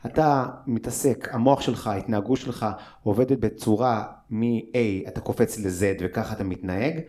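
A man's voice: lowish voice, dark tone. A man interviewing a guest in casual chat, informal and self-deprecating, putting things in a layman's words.

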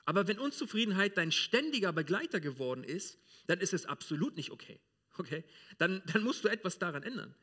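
High, bright-voiced German pastor preaching. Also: male voice, a little fast, slightly rough. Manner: lively, direct, addresses the congregation informally. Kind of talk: sermon. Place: church.

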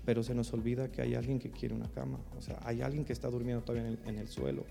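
A pastor with a Mexican accent tells a story in an animated way. He acts out the dialogue and fills his speech with fillers. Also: mid-range voice, rapid-fire, gravelly, big-room sound, soft background music. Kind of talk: storytelling testimony.

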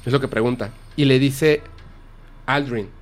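A man's voice: mid-range voice, unhurried. A man, hosting a casual podcast and animatedly retelling a story, acting out the quotes. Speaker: podcast host.

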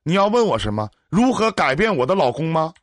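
A man's voice: fairly high pitch, sing-song, a little fast, noisy background. A man hosting a livestream emotional advice show, talking emphatically with pointed rhetorical questions. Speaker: livestream radio host.

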